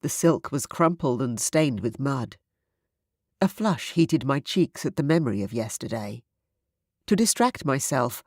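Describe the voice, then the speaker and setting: An audiobook narrator with a synthetic-sounding voice reading first-person romance fiction in a smooth, even manner. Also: mid-range voice, no room sound, studio quality.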